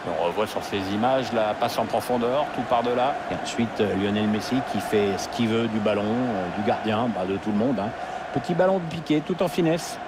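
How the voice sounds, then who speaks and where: A man's voice: on the low side, fairly quick, natural voice. A man playing a wry football pundit in a video game, analysing play in a conversational way. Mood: wry analysis. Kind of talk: analytical sports commentary. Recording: loud stadium noise behind the voice.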